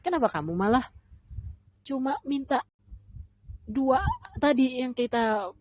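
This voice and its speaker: A woman voicing a whiny crowd of ancient grumblers who scold and blame, rattling off demands in a high, nagging tone. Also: no echo, natural voice, rough recording. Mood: indignant listing. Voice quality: high, scolding, listing things rapidly.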